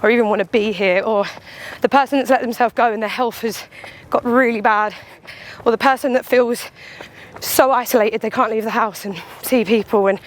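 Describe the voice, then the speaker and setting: A woman with a high voice chats to the camera while running outdoors. Her delivery is candid and animated, a casual vlog monologue that slips into little imagined quotes. Faint traffic and ambient noise sit behind her. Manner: talking while out on a run. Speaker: runner and vlogger.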